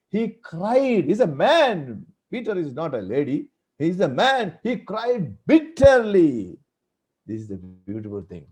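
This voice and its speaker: A man preaching a sermon at a church youth meeting, swinging from loud exclaiming to low, hushed appeals. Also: breathy edge. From India. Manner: acts out biblical voices in quotes.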